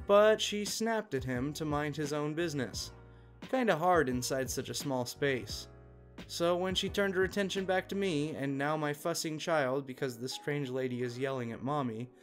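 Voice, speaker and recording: Guy reading a reddit-style story out, steady and even, a bit high pitched. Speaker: story narrator. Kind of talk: scripted narration of an online post.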